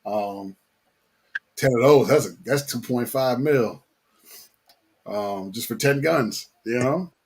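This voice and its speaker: A man's voice: mid-range voice, slow pace, long pauses, a little hiss or hum. A man chatting casually as host in a slangy, laid-back way, often repeating his phrases. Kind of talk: casual chat.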